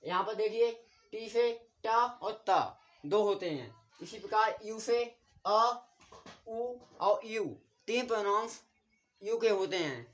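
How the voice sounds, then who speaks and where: A man from India teaching a basic online English lesson. He explains in an even classroom way, keeps pointing to the board, spells out words letter by letter and repeats each sound several times. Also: high voice, slow pace.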